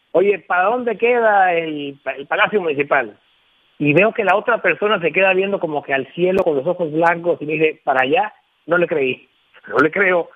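Man, husky voice, slightly high pitch, tinny phone line, dry sound, emphatic radio guest. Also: dry recording. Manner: emphatic, addresses listener directly with tag questions. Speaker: guest speaker on communication. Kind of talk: phone-in radio interview, explaining. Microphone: telephone.

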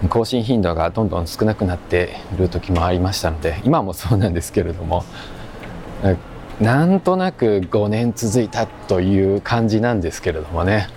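Hushed, low-voiced man podcasting outdoors. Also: animated, normal speed. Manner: hushed, keeping voice low in quiet public surroundings. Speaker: amateur podcast host. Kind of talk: casual solo podcast monologue recorded while strolling. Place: outdoors, walking through a park-like area. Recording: noisy outdoor recording with ambient hum.

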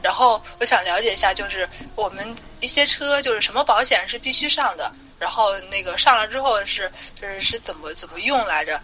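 A woman asks her questions in a bright, sharp voice, hesitating often and filling gaps with little sounds. The recording carries a faint bed of music behind her. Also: medium pitch, expressive, brisk, hardly any pauses, rough recording. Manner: hesitant, many fillers, apologetic. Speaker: listener asking questions. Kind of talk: recorded question for a car podcast.

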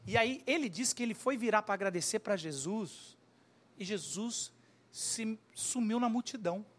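Animated, high-voiced male pastor preaching. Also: normal speed. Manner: animated storytelling, acting out voices with humor. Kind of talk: sermon.

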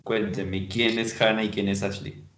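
A man's voice: fairly low pitch, flat delivery, moderate pace, a bit bright. A man interviewing guests with short questions and prompts. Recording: roomy echo.

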